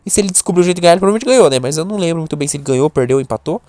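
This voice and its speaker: Fairly high-pitched and mellow, this young man from Brazil talks in a rapid-fire, animated way, with no echo on the recording. His casual talking-head commentary on webtoon characters rambles, and he keeps correcting himself and using fillers and restarts.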